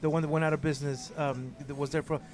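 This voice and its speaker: A man's voice: fairly high pitch, level tone, fast, darkish tone, soft background music. A man hosting a casual podcast chat, rambling and searching for words with lots of fillers. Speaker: podcast host.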